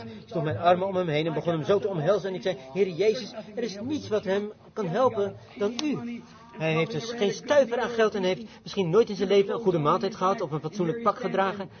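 A man preaching a sermon, telling a story with rising fervor. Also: high voice. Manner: storytelling, rising to loud fervent shouts. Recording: dull lo-fi live recording with crowd.

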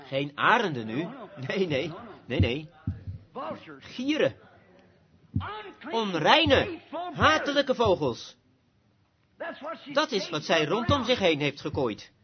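A man preaches a fiery sermon in a high voice that swoops widely up and down. He speaks with passion and breaks into shouts. The recording is dull and lo-fi, with a crowd behind him. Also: very animated, slow, pauses often. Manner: impassioned, rising to shouts.

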